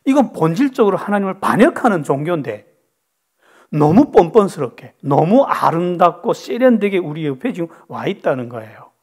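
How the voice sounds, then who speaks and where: A male pastor preaches with a slightly husky, higher-pitched voice. He tells the story with swooping, animated intonation and keeps throwing rhetorical questions at his listeners. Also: normal speed. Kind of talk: sermon.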